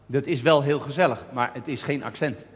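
A man telling a humorous story about a pub, imitating drawn-out Amsterdam singing. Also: medium pitch, long reverb tail. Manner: lively, imitates Amsterdam singers with drawn-out vowels. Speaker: storyteller on stage.

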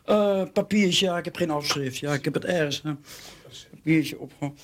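Dutch guy, middle-aged, really high voice, theatrical and nervous, giggles a lot. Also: brisk, a little hiss or hum. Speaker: interviewee. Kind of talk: radio interview.

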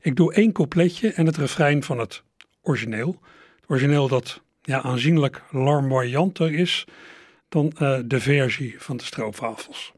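A man presenting a radio program, calmly explaining the story behind old records. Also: mid-range voice, normal speed, no echo, clean studio sound. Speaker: radio host.

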